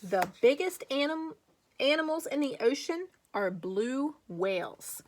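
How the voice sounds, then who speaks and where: Teaching young children, this woman has a fairly high but darkish voice with lively intonation. She goes slowly and deliberately with emphatic read-aloud phrasing, mixing in chatty asides and encouraging questions, in a low-quality recording with slight background noise.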